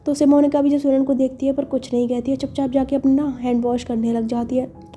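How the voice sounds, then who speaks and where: A woman's voice: high-pitched, little pitch movement, a little fast, warm tone, soft background music. A woman telling a romance story in a chatty, casual way, full of fillers.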